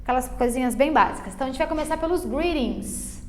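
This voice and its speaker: A Brazilian woman with a Brazilian Portuguese accent, an English teacher giving a beginners' lesson, explaining slowly and checking in with "ok?" and "tá?" after each point. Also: high-pitched, darkish tone, soft background music. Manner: patient, drawn-out explanations full of diminutives and check-ins like "ok?".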